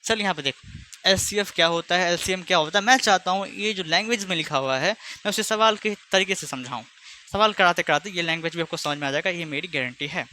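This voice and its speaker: Bright-voiced chatty maths teacher. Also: male voice, high-pitched, fast, a little hiss or hum. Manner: chatty, teasing, speaks both sides of a pupil dialogue. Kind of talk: online class lesson with imagined student back-and-forth.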